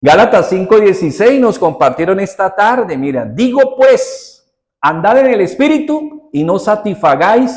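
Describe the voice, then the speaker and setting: A male pastor preaches in a somewhat high voice. He talks to the congregation conversationally, full of rhetorical questions, and jumps from loud, stressed phrases to quiet, intimate asides. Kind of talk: sermon.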